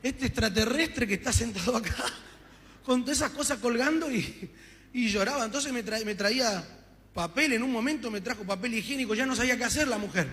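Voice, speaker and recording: A man's voice: extremely high pitch, fairly quick, fairly bright tone. A man with an Argentine accent preaching his testimony to a congregation, telling his story with fervor and acting out the dialogue. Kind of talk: testimony sermon. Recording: long reverb of a hall.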